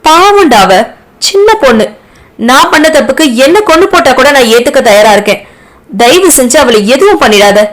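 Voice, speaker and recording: A woman's voice: on the high side, moderate pace, lightly acted. A woman voicing a young man who pleads in a raised, emotional voice. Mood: pleading. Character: young man pleading, then angry and defiant.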